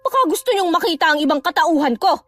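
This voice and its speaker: An actress playing a furious, sharp-tongued pregnant young wife who hurls threats in a horror audio drama. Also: female voice, fast, dry recording. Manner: shouting threats, shrill. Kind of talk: Filipino radio-style horror drama acting.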